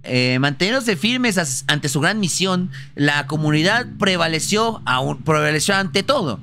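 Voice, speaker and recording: Mexican guy streaming a game, kinda high voice, super animated, swears and yells a lot. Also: unhurried, a little hiss or hum. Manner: excitable, foul-mouthed, bursts into shouts. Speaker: livestreamer playing a video game. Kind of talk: casual live gameplay commentary, translating on-screen text aloud.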